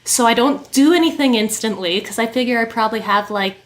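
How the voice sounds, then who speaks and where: Woman, podcast host, casual chat, animated storytelling, frequent laughs, slightly high pitch. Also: fairly quick.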